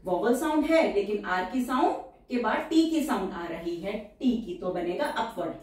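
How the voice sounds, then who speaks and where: A woman teaching shorthand, explaining each outline step by step and repeating every word slowly and carefully. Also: medium pitch, expressive, a little mellow, recorded from a distance. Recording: very echoey room, voice from off the mic.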